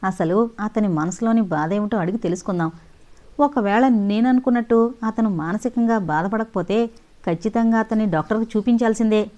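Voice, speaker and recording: A woman's voice: mid-range voice, moderate pace, warm tone, close to an everyday voice. A woman voicing a compassionate young woman who talks in an earnest, pleading way, in an audio novel. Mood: earnest, indignant.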